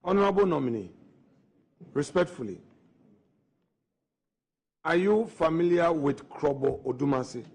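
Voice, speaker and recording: A man on a parliamentary committee questioning a ministerial nominee, slow and deliberate, pressing each point with formal questions. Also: fairly high pitch, animated, darkish tone, slightly rough.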